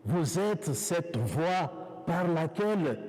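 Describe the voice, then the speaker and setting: A priest with an African French accent giving a sermon in a church, speaking in slow, measured phrases with pauses and restarts. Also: male voice, on the high side, very animated, a little mellow. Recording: reverberant church hall.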